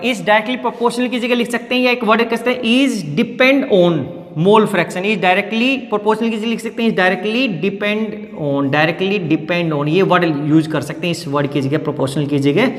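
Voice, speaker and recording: A man with a rather high-pitched voice teaches chemistry, mixing Hindi explanation with English technical terms. He slows right down to dictate phrases word by word, like a teacher giving notes. His voice rings out with a long reverb in the room. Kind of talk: classroom lecture, dictating notes.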